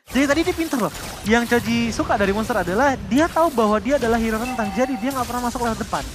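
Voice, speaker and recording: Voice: medium pitch, fast, music in the background. An esports caster with an Indonesian accent giving live game commentary and analysis in long, run-on explanatory calls.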